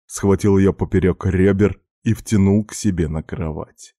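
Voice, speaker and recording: A man narrating first-person fiction as an audiobook narrator, in a measured, darkly intimate way. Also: low voice, fairly even intonation, mellow, no room sound, studio quality.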